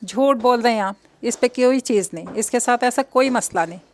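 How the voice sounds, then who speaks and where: A woman's voice: on the high side, fairly quick, darkish tone, a little hiss or hum, natural voice. A woman voicing a protective young man who speaks firmly and steadily. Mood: defiant.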